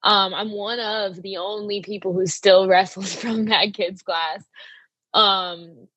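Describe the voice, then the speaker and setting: A woman's voice: medium pitch, fairly even intonation, slow, a bit bright, no echo. A young woman wrestler talking casually in an interview, with lots of "like" fillers. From Arizona. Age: young adult. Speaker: wrestler guest.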